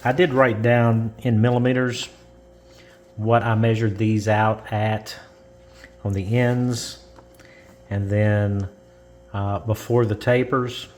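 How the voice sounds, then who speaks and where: A man with a lowish, level, darkish voice casually narrates a model-building step, slight background noise behind him. He goes slowly, rambling, correcting himself, and chuckling, while coughing from dust.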